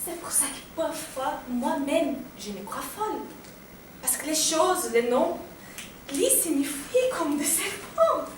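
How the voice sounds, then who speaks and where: An actress playing a confused, frightened teenage girl in a stage monologue, swinging between hushed murmurs and shrill cries, recorded from far off in an echoey hall. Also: sing-song, takes it slowly, a little hiss or hum, exaggerated voice. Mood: dreamy. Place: theater stage.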